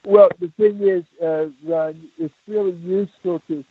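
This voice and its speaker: A man's voice: high-pitched, steady tone, measured pace, slightly rough, no room sound. A male caller on a faint, muffled phone line that sounds like it is coming from down a well, straining to be heard. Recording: tinny, distant, breaking-up phone line.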